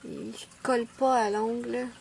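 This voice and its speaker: A woman chatting casually at home through a nail art tutorial, self-mocking and quick to apologize. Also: fairly high pitch, fairly even intonation, gravelly, a little mellow, a little hiss or hum.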